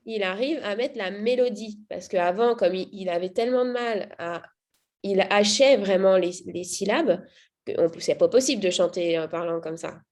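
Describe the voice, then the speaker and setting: A woman's voice: mid-range voice, moderate pace, a little mellow. Hesitant woman giving a testimonial. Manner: hesitant, many fillers and restarts. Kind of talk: casual spoken testimonial.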